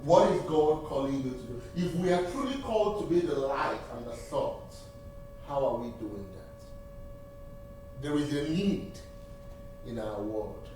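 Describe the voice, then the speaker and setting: An Igbo-speaking Nigerian man with a Nigerian accent, a seminary graduate, gives an earnest testimony and appeal in church, leaning on repeated key phrases. His dark-toned voice is on the high side, unhurried, and swings hugely in pitch. The sanctuary recording sounds distant and roomy and has a little hiss or hum.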